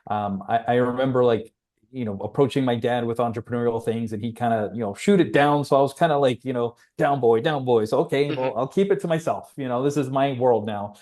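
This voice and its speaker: Mellow-voiced man in his forties. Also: mid-range voice, quick pace. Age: 40s. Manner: reflective, rambling with frequent restarts. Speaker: podcast guest. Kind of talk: personal storytelling in conversation.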